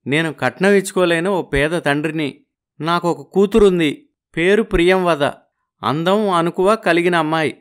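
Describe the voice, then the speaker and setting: A man's voice: a little high, moderate pace, natural voice. A man voicing a humble pleading village father. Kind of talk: animated storybook voice acting.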